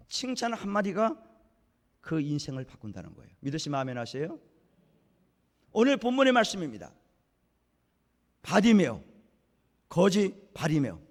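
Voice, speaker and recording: A male pastor with a high-sitting, somewhat bright voice preaches a sermon in a church sanctuary, recorded with heavy reverb. He tells the story dramatically and puts rhetorical questions to the congregation.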